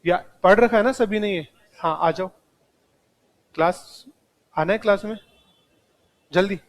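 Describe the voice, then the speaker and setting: A man's voice: sits high, measured pace. A man teaching a live classroom lecture, speaking straight to his students and mixing in English terms.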